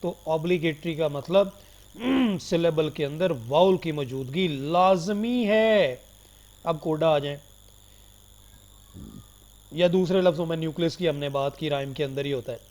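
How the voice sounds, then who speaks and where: A man giving a recorded phonology lecture, slowly explaining terms, switching between Urdu and English and politely addressing his students. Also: a little high, darkish tone. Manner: addresses listeners politely as "janab" and "dear students".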